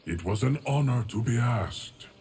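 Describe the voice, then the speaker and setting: A male actor plays a solemn, stoic, ageless guardian of time in a video game, speaking in a formal, measured, gravelly way. His voice sits in the mid range and is animated yet a little mellow, with a faint hiss or hum in the recording.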